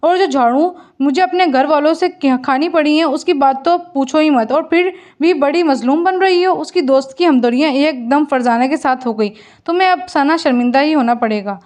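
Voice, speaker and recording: Woman storyteller, Pakistani Urdu accent, high voice, lively novel reading with voiced dialogue.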